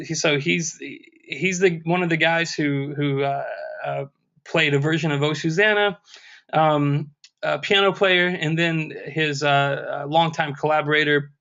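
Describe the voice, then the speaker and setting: A man lecturing on music history in a somewhat high voice. He stops and restarts often, with many fillers, and scats rhythms to demonstrate them. The lo-fi recording sounds dull. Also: bright, forceful tone.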